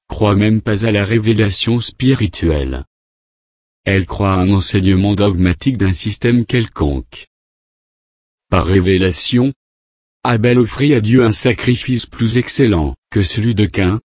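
A man reading a sermon aloud, quoting scripture and calling out verse numbers in a measured way. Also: lowish voice, a little mellow, no room sound, studio quality. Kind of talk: read sermon with scripture quotations.

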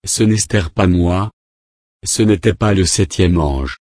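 A man preaching a sermon in a slow, measured way with long pauses. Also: deep voice, darkish tone, no room sound, clean studio sound.

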